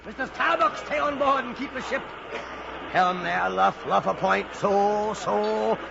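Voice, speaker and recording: An actor playing a weary, obsessed old whaling captain in a theatrical, halting old time radio drama style. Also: male voice, sits high, creaky, exaggerated voice. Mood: commanding, frenzied. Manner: theatrical, halting, repeating phrases. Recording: muffled, noisy old radio drama recording.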